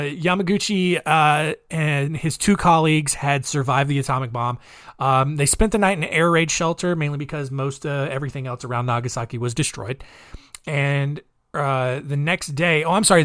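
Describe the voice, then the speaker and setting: This male podcast host runs a laid-back storytelling show, talking right to his audience as "guys" with plenty of asides. He shifts from loud, emphatic moments to quiet comments, in an animated, chatty manner. His pitch sits in the middle, and the studio sound is clean with no echo.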